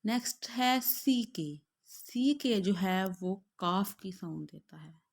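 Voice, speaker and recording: Pakistani-accented woman, language teacher, slow deliberate delivery, repeats each word twice, mid-pitched voice. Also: lively intonation. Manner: drawn-out, carefully spelled-out words, glossing each in Urdu.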